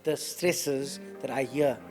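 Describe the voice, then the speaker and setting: Easygoing dad co-host, warm mellow voice, digs in when he argues. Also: mid-range voice, fairly even intonation, slow, faint music behind. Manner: laid-back, emphatic, stubborn banter. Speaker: podcast co-host; father. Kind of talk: casual chat.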